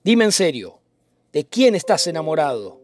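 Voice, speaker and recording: A man reading the part of a calm, concerned young cousin in a dramatic reading of a play, earnest and advising. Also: on the high side, moderate pace, a little hiss or hum.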